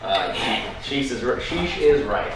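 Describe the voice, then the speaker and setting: A man's voice: mid-range voice, animated, slow pace, very noisy. A laid-back man in his thirties from Las Vegas talks casually at a roundtable, full of slang and "like"s. He sits well away from the mic in a very echoey room, and dishes clatter behind him. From Las Vegas, United States. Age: 30s. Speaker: kendama player. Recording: roomy, distant, dish clatter behind.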